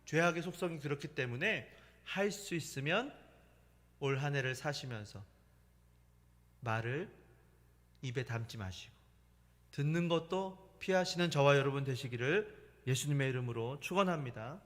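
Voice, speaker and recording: A middle-aged male pastor with a fairly high voice preaches in a relaxed, anecdotal style. His pitch swings a great deal as he tells stories. His voice carries a long reverb from the church sanctuary. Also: normal speed, pauses often. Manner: conversational storytelling preaching with laughter. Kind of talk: sermon.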